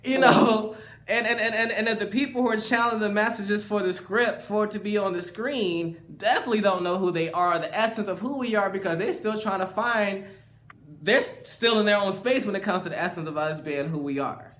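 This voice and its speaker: A man's voice: sits high, brisk, fairly bright tone. A man hosting a casual chat, speaking reflectively, with loose phrasing and many fillers. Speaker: host.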